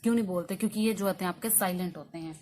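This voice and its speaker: A woman's voice: fairly low pitch, racing, darkish tone, slight background noise. A woman English teacher giving a spoken English lesson in Hindi, explaining silent letters and quizzing her students with repeated questions.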